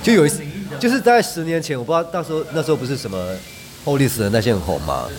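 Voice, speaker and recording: A man, a podcast guest telling rambling, animated anecdotes with frequent restarts. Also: fairly high pitch, very fast, crowd noise. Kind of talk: casual storytelling chat.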